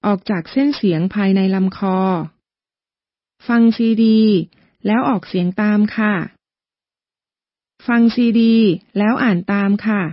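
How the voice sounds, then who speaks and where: Here a woman reads a scripted pronunciation lesson as a language teacher, polite and patient as she moves step by step. She speaks slowly at a medium pitch, pausing often. The audio sounds dull, with no echo.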